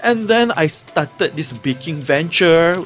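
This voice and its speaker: A man co-hosting a podcast, talking casually and reflectively about his writing, often pausing with fillers as he searches for words. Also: on the high side, expressive, a bit bright, faint music behind. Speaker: podcast co-host, playwright.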